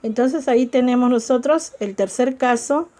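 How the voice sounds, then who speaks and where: A woman's voice: a little high, moderate pace, dark tone. A woman teaching a spelling lesson, spelling out letters, repeating examples and checking in with her listeners.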